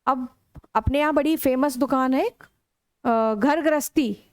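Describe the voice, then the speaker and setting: High-voiced Indian woman teaching English. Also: unhurried, no echo. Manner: explains step by step, acts out sample sentences with lively intonation. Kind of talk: classroom lesson in Hindi with English examples.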